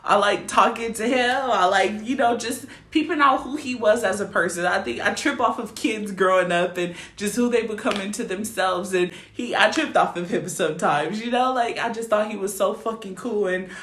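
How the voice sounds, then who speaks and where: A woman's voice: mid-range voice, normal speed, hardly any pauses, a bit bright. A woman in her twenties telling a story to her viewers as a vlogger, blunt and emphatic, swearing freely and often asking whether they follow her. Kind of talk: casual storytelling rant to camera. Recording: roomy echo.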